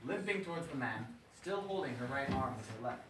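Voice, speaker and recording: A man's voice: mid-range voice, animated, brisk. A man reading a play's stage directions aloud, plainly and matter-of-factly. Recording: echoey, distant, noisy stage recording.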